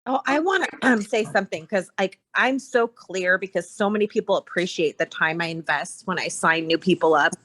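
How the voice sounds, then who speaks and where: A woman's voice: on the low side, brisk, few pauses, a bit bright. A woman in a group call who talks in a frustrated, searching way. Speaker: group member.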